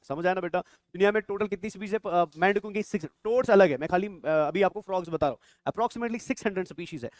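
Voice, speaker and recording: In this exam-prep classroom lecture, a young man teaches biology in a high voice with no room sound. He keeps quizzing his students throughout and addresses them as "beta."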